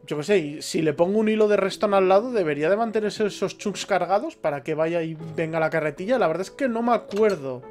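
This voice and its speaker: Swearing Spaniard gamer muttering while playing. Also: male voice, sits high, quick pace, hardly any pauses, darkish tone, faint music behind. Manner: swears a lot, mutters to himself. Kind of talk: let's play commentary.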